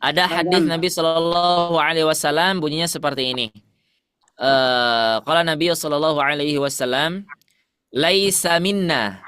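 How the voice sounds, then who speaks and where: A man's voice: fairly high pitch, steady tone, normal speed, bright, forceful tone, clean tone, no echo, studio quality. A man teaching Quran recitation to a class, asking questions and repeating the answers.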